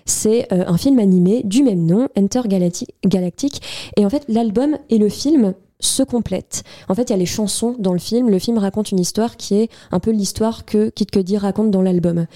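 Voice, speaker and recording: A woman's voice: medium pitch, normal speed, mellow. A young woman co-hosting a radio music show, presenting new album releases playfully and joking about her own puns. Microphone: studio microphone.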